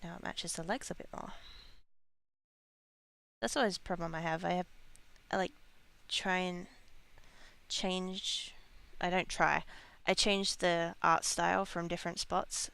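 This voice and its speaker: A woman's voice: lowish voice, fairly even intonation, measured pace, creaky, pauses often, a bit bright, clear, resonant tone. A woman with an Australian accent chatting casually while drawing on a live stream, playful and full of silly sound words. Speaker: art streamer.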